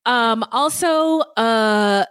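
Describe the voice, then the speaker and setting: A woman's voice: on the high side, very slow, fairly bright tone, clean tone, dry recording. A woman co-hosting a casual podcast, chatting with lots of ums and restarts. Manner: chatty, many fillers and restarts. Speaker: podcast co-host.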